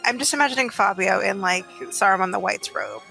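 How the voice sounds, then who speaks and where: A woman playing a tabletop game, throwing out quick wisecracks. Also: medium pitch, creaky, loud music behind the voice, poor audio. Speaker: player. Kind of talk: casual chat at a game table.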